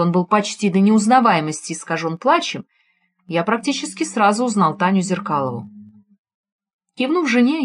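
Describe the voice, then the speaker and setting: A woman narrates a crime story aloud, her voice rising and falling with lively, animated pitch. Her delivery is dramatic and expressive, in audiobook storytelling style. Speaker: audiobook reader. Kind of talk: first-person scripted narration.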